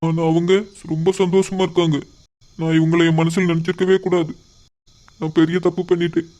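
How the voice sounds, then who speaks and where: A man's voice: a little high, level tone, brisk, mellow, dull audio, natural voice. A man voicing a heartbroken young man in love, subdued and resigned. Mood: sad.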